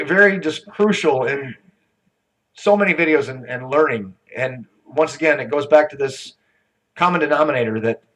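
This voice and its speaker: A man's voice: on the high side, fairly bright tone, low-quality recording. A man emceeing a conference on stage, telling rambling jokes before introducing the next speaker. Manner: joking, rambling storyteller.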